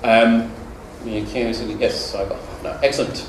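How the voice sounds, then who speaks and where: A man's voice: fairly low pitch, steady tone, takes it slowly. Man, middle-aged, conference lecture, chatty and joking, echoey hall, distant mic, faint background noise. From United Kingdom. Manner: conversational and humorous, with anecdotes and fillers. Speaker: conference speaker.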